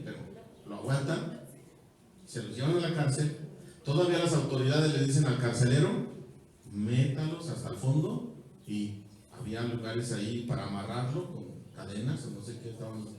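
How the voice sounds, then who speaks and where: A man with a Mexican accent preaching a sermon, quizzing the congregation and joking, moving between loud and quiet. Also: medium pitch. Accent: Mexican Spanish. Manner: asks the congregation questions, jokes, swings from loud to soft. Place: church hall. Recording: echoey hall, voice from far off.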